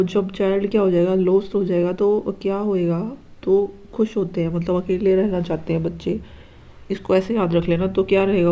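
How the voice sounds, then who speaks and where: Woman teacher, low-pitched and even, patient exam-prep explainer, slightly dull lo-fi audio. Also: gravelly. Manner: explains patiently, checks in with "ठीक है" often. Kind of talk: exam-prep lesson with memory tricks.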